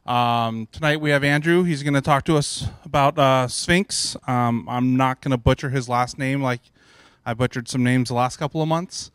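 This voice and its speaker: A man opens a meetup with casual, relaxed announcements, pausing on frequent ums. His voice is smooth and clear, and the sound is close and dry. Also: mid-range voice, no echo. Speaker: meetup organizer introducing the speaker. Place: meetup room.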